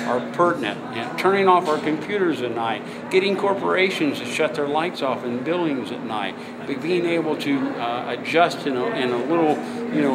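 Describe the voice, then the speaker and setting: A middle-aged man talking in a conversational educational interview, encouraging and often checking in with the listener. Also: on the high side. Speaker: youth programme leader and interviewer. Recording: loud ambient vehicle-like background noise.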